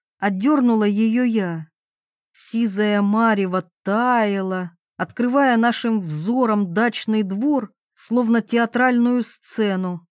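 A woman reads a story aloud at an unhurried pace, giving the narration expressive shape. Her voice sits at a middle pitch and the recording is dry and close. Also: dry recording. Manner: expressive storytelling, acting out dialogue. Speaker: audiobook narrator. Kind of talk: scripted narration.

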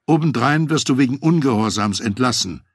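A man's voice: medium pitch, animated, brisk, slightly rough, no echo, studio quality, pitched above the performer's own voice. A male narrator voicing flustered, regretful male FBI agent colleagues in an audiobook. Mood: apologetic.

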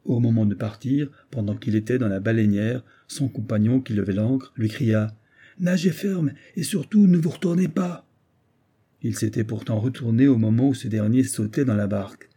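A man's voice: lowish voice, fairly even intonation, moderate pace, few pauses, warm tone, lightly acted. A man reading a grave old sea captain. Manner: grave, storytelling. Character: weathered male sea captain recounting an eerie tale. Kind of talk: scripted narration of a classic story.

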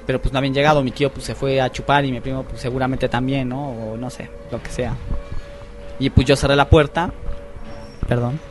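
Soft music plays behind a young man from Mexico, a podcast host, as he recounts a spooky experience to friends, cursing, using slang, and acting out each quote with animation. He speaks in a mid-range voice, a little fast.

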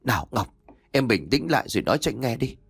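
A man's voice: medium pitch, big pitch swings, fast, gravelly, breathy edge, no echo, studio quality, heavily acted. A man doing a weary, soothing young husband. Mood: pleading. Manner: soothing, pleading.

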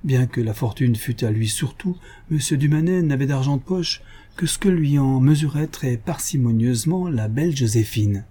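Mellow, husky male audiobook narrator. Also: mid-range voice, lively intonation, moderate pace. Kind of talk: audiobook reading of a classic novel.

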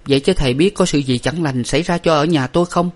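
A man reading a story, voicing a brisk, strong-willed wife who scolds sharply. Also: fairly high pitch, pitched above the performer's own voice, natural voice. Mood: anxious.

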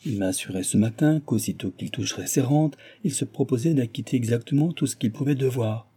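A man's voice: mid-range voice, a little fast, warm tone, slightly rough, lightly acted. A man voicing a frivolous, petulant society wife who defends her spending peevishly. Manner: peevish, self-justifying.

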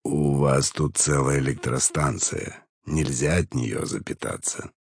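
A man voicing a kind-hearted gentleman with a warm, golden, pleasant voice. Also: rumbling low, unhurried, creaky, slightly rough, no room sound, studio quality, voice pushed down, heavily acted.

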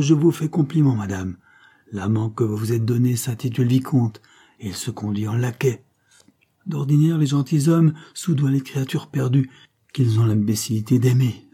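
Proud scornful nobleman voiced by a male reader, biting contempt, low dark husky voice, audiobook.

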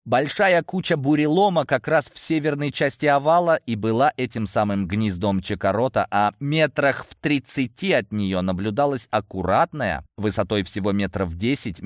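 A man reading a fantasy game novel aloud in the first person, with wry, expressive storytelling. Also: fairly low pitch, moderate pace, few pauses, no room sound, clean studio sound. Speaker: audiobook narrator. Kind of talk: first-person audiobook narration.

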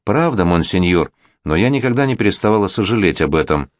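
A man's voice: low-pitched, expressive, a little fast, no room sound, studio quality. A man voicing a virtuous young bride-to-be who pleads with a prince. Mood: earnest.

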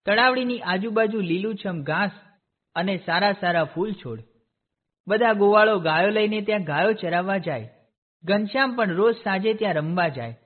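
A man narrating a devotional children's storybook in a steady, clear reading voice. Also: high-pitched, normal speed. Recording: tinny phone-like sound.

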